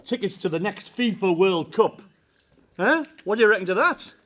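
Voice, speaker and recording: A man's voice: high-pitched, animated, normal speed, fairly bright tone. An actor playing a boss trying to bribe his team back into trusting him. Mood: wheedling. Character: blustering male boss bribing his team. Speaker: team manager.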